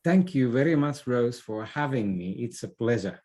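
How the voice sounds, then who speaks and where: Speaking at a moderate pace in an expressive, slightly mellow mid-range voice, an older man from Finland answers interview questions thoughtfully. A native Finnish speaker, he's a business leader who once directed theatre, and he tends to repeat words as he gropes for the right phrase.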